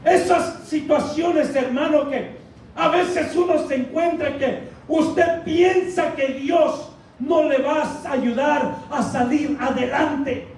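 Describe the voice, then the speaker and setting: Male pastor, fervent Pentecostal preaching, slow and deliberate, heard from afar with faint background noise. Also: extremely high pitch, fairly even intonation, darkish tone, recorded from a distance. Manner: fervent, repeatedly addressing the congregation as brother and crying out hallelujah. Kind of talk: Pentecostal sermon. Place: church. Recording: echoey hall miked from afar, faint noise.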